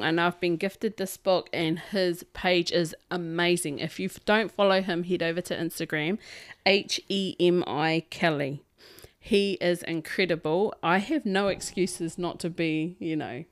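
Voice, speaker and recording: A woman with a New Zealand Māori accent co-hosting a podcast, chatting casually in an expressive, informal, bantering way. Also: lowish voice, unhurried, no echo, studio quality. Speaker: podcast co-host. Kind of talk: casual chat.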